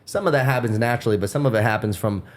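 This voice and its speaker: A man's voice: mid-range voice, rapid-fire. Cursing man telling a rambling story. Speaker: podcast host. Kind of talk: casual podcast storytelling.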